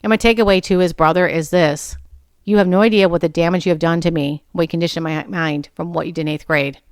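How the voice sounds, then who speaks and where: A woman's voice: lowish voice, fairly even intonation, fast talker, clean tone, no room sound, clean studio sound. A woman in her forties hosting a personal podcast, talking in a candid, blunt way and swearing freely. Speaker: podcast host.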